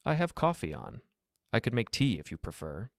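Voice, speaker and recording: A man voicing a nervous, ashamed older woman in a storybook reading, speaking haltingly. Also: lowish voice, big pitch swings, no echo, studio quality, voice pushed up. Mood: hesitant. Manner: halting, faltering.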